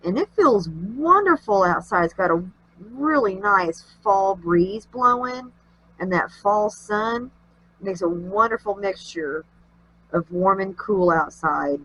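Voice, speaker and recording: A woman with a stuffy, nasal voice talks through a craft project in a relaxed, homey manner, explaining each step as she goes. Her pitch sits in an ordinary middle range. A faint hum runs underneath. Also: slow pace, poor audio. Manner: chatty, homey, talks while working. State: congested from allergies. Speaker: craft tutorial host. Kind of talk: casual craft tutorial narration.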